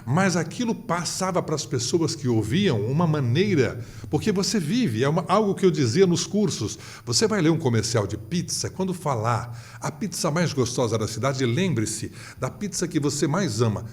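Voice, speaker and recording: Animated Brazilian veteran radio announcer. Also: male voice, a little high, moderate pace, few pauses. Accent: Brazilian Portuguese. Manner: animated, acts out quoted voices. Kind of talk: storytelling in a casual interview.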